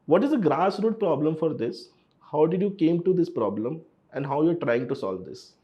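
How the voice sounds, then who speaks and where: A man's voice: fairly high pitch, expressive, normal speed, dull audio. A man with an Indian accent hosts a conversational interview, introducing topics and putting questions to his guest. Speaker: podcast host, interviewer.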